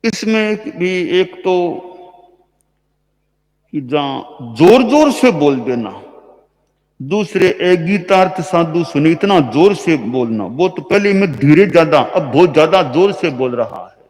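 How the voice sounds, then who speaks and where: A man delivering a sermon as a spiritual teacher, explaining point by point in a measured way and acting out short quoted examples. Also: on the high side, expressive, a little mellow, long reverb tail.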